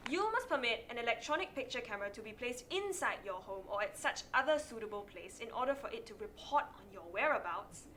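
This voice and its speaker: A woman's voice: on the high side, expressive, fairly quick, hardly any pauses, sharp tone, slight background noise. An actress playing a bossy, eco-minded older sister in a stage play, scolding her sibling. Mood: indignant. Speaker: actor in a student stage play. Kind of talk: stage acting.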